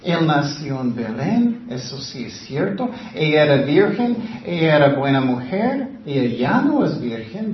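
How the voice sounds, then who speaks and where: A man preaching a sermon in Spanish with passion, speaking loudly and swinging between sudden rises and drops, his phrasing slightly broken. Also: fairly high pitch, a little hiss or hum. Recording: roomy, slightly dull sound.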